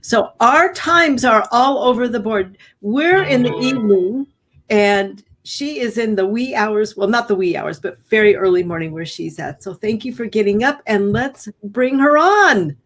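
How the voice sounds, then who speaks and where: A woman's voice: fairly high pitch, measured pace, a bit bright, slight background noise. A woman co-hosting a live online art broadcast, bubbly and enthusiastic, with frequent ums. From United States. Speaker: co-host.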